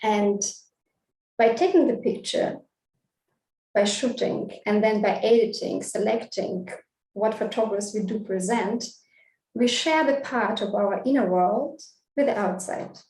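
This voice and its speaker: Speaking a little slowly in a medium-pitched, slightly mellow voice, a street photographer raised in Russia and Vietnam gives a thoughtful festival talk with frequent hesitant fillers. A distant mic captures her in an echoey room.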